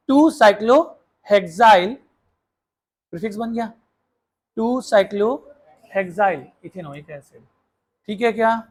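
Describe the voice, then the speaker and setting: Male chemistry teacher, classroom lecture; brisk, coaxing, quizzes the class, mixes in English terms. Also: sits high.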